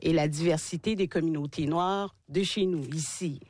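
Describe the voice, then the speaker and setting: Woman radio co-host, low and dry, halting interviewer. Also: darkish tone, dry recording. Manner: reads introductions, hesitant with fillers. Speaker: radio co-host, culture columnist.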